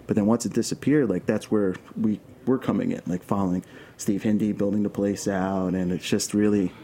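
A man from Queens with a Brooklyn New York accent, chatting casually as an interview guest and telling anecdotes in a halting way, repeating phrases. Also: on the low side, fairly even intonation, dark tone. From Queens, New York City. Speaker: interview guest, documentary filmmaker. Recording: clear background noise, room ambience.

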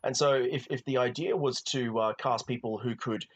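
Male podcast co-host, loose rambling film chat, average-pitched voice. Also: moderate pace, slightly rough, highs cut off. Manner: rambling, many restarts and "you know". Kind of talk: casual film review chat.

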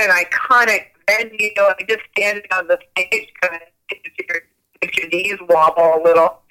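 A woman's voice: medium pitch, pushed and bright, poor audio. A woman on a speakerphone call, a guest yoga teacher chatting in an interview, talking freely with frequent restarts and small laughs. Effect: heard over a speakerphone call. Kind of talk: casual interview chat.

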